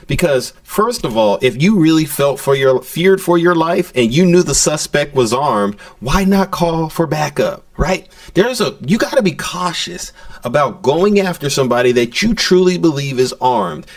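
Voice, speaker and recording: A man's voice: mid-range voice, no echo, distant mic. A man delivering skeptical, indignant livestream news commentary, speaking directly to viewers.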